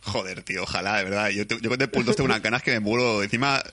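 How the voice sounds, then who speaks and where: A man from Spain with a Spain Spanish accent, excitedly reviewing a film in casual chat, swearing and acting out scenes. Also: fairly low pitch, rapid-fire. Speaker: podcast co-host.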